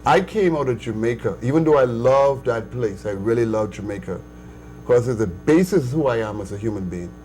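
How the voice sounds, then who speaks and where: A man's voice: medium pitch, expressive, fairly quick, darkish tone, rough recording. Emphatic older Bahamian man. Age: 60s. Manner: emphatic, insistent, with many restarts and sudden rises. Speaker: guest. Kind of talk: conversational interview.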